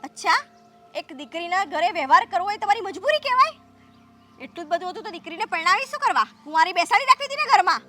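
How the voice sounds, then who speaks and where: An actress playing a domineering sister-in-law who scolds and argues sharply in a family drama. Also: female voice, very high voice, sing-song, quick pace, sharp tone, faint music behind, full character voice. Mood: scolding. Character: domineering, haughty sister-in-law of adult age. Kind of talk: scripted family drama dialogue.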